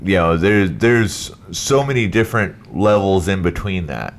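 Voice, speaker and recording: A man's voice: low-pitched, normal speed, a little hiss or hum. A man hosting a podcast explains things in casual, conversational talk in a living room. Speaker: podcast host.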